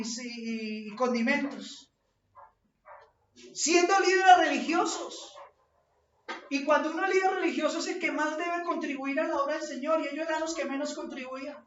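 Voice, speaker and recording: A woman's voice: sits high, moderate pace. Impassioned woman preacher, echoey and distant. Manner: impassioned, rising to shouts when quoting scripture. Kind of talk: sermon. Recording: echoey distant lo-fi church recording.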